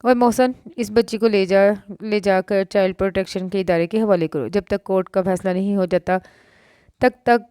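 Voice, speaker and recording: A gruff, impatient male police inspector who scolds brusquely, as a woman narrator puts him on. The voice is smooth and clear, recorded close and dry. He is a figure in a spoken novel. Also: mid-range voice, steady tone, normal speed, dark tone, no echo, natural voice. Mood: scolding.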